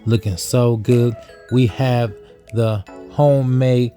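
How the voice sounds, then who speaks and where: A man's voice: medium pitch, steady tone, slow, dark tone. A man chatting casually as a cook and co-host on a food vlog. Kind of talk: casual cooking vlog chat. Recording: close dry sound with music under it. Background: background music.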